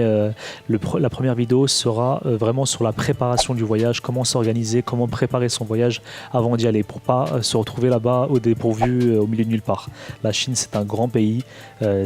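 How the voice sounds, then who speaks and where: A man from Morocco talks through practical travel tips in a casual, unscripted way, stumbling over his words with frequent fillers and restarts. His mid-pitched delivery stays flat and level throughout, with faint music playing underneath. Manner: hesitant, many fillers and restarts. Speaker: vlogger giving travel advice. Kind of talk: casual advice to camera.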